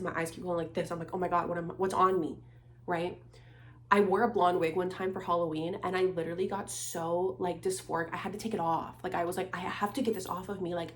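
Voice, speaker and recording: Animated ranting young woman. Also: lowish voice, a little hiss or hum. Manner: animated, sarcastic, heavy use of "like". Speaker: vlogger. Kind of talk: casual ranting monologue.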